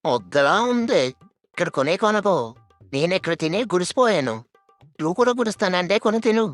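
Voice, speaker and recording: A woman's voice: fairly low pitch, lively intonation, brisk, no echo, faint music behind, close to an everyday voice. A woman voicing a hot-tempered, insulting young man in a cartoon. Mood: irritated, scornful. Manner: shouting insults, blunt.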